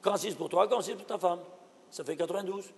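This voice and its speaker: Rabbi teaching a class: very high, husky voice, emphatic, keeps quizzing the room. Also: male voice, very fast, big-room sound. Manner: emphatic, fires rhetorical questions at listeners. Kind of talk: recorded Torah lesson.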